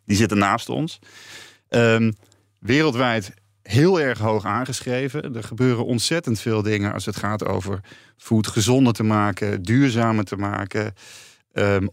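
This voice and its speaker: A man's voice: lowish voice, vocal fry, dry recording, studio quality. A man being interviewed about his company, talking with many fillers and restarts. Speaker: company founder as guest. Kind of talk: business interview.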